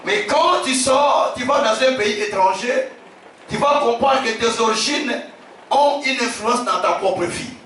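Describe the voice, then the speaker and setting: A man from Africa, a bishop preaching a sermon, emphatic, repeating his phrases and shouting key lines. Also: very high voice, expressive, measured pace, a little hiss or hum. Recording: very echoey hall, distant from the mic.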